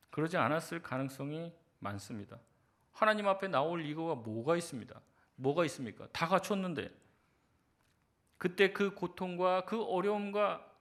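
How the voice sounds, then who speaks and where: A man's voice: high-pitched, pushed and bright. A male pastor giving a sermon in a conversational way, asking rhetorical questions and acting out quoted voices.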